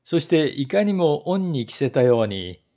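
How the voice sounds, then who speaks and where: A man, a voice actor, reading a story aloud in measured, expressive narration. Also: a little high.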